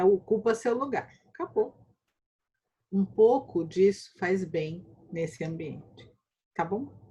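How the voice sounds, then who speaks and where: A middle-aged woman with a Brazilian Portuguese accent, a law professor giving a playful, animated online lecture over a video call. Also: breathy edge. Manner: playful, animated, acts out quotes with big pitch jumps. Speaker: law school professor and mentor.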